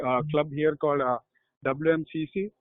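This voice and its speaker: A man's voice: fairly high pitch, fairly even intonation, normal speed, no echo. A man from Hyderabad, a guest cricket player speaking modestly over a phone call. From Hyderabad, India. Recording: tinny phone line.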